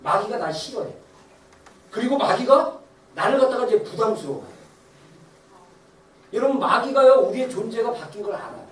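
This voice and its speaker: A pastor giving a Sunday sermon in a church sanctuary, telling stories with animated acted-out voices and frequent laughter. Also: medium pitch, moderate pace, long pauses. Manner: animated, acts out quoted voices; laughs while preaching. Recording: roomy echo, distant mic, faint ambience.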